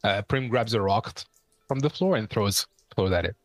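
A man's voice: lowish voice, animated, moderate pace, no echo, soft background music. A man playing a tabletop game, describing his character's actions hesitantly with fillers. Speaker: player. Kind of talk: tabletop role-play chat.

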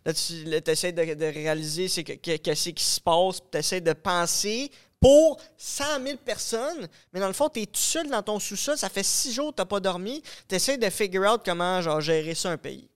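Québécois guy rambling on a podcast, acts stuff out, swears a lot, smooth voice. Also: high voice, moderate pace, hardly any pauses. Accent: Québécois French. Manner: animated, rambling, swears casually, acts out scenarios. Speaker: podcast co-host. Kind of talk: casual podcast discussion.

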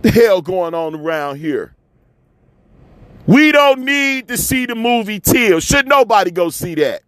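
A man's voice: high voice, big pitch swings, unhurried, a bit bright, dry recording. A man from Chicago delivering a fiery, repetitive, preachy monologue rant, often swearing as he hammers his points home. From Chicago, USA. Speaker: commentator.

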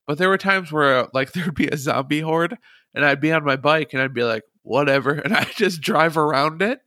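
A man's voice: fairly high pitch, a little fast, sharp tone, no room sound, clean studio sound. A man hosting a casual gaming podcast, chatty and frank, laughing often. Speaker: podcast host.

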